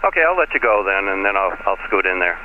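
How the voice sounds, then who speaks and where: A man's voice comes in over an aircraft radio, tinny and narrow with engine noise behind it. He talks fast and easygoing, a polite fellow pilot checking in with a few fillers. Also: low-pitched, big pitch swings. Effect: heard over aircraft radio. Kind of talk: casual radio exchange.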